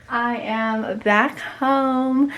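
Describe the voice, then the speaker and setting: A young woman in her early twenties, reading a book aloud and reacting with excitable, gushing chatter full of fillers and gasps. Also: a little high, drawn-out words. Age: young adult. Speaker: book vlogger.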